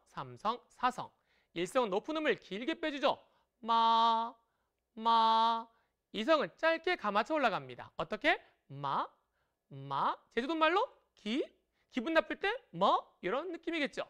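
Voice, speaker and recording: A woman teaches a broadcast language lesson in a lively, encouraging way. Her voice sits fairly high and rises and falls a great deal as she explains. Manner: lively and encouraging, drawing out example tones.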